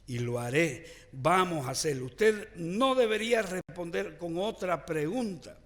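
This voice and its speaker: A male pastor preaching a sermon with call-and-response, swinging from loud declarations to hushed lines, in a church. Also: sits high, animated, measured pace, long reverb tail. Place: church sanctuary, also streamed online.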